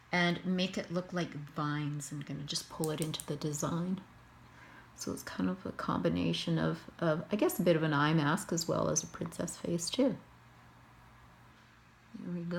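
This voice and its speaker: In a low-leaning, creaky voice, a Canadian woman talks her way through painting her own face, casual and musing, with a Canadian accent. Slight hiss or hum is audible.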